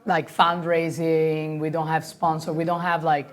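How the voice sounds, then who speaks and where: A professional sailor from Italy, this woman speaks with an Italian accent and a notably low voice in a casual, relaxed interview, talking a little slowly. She is chatty, laughs often, and slips into little acted-out quotes of what other people said.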